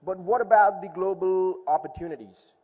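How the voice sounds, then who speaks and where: A man with a high-pitched, husky voice talks at normal speed as a conference speaker, chatting informally with an audience in a large hall through stories and rhetorical questions. The recording sounds muffled, with heavy echo and long reverb.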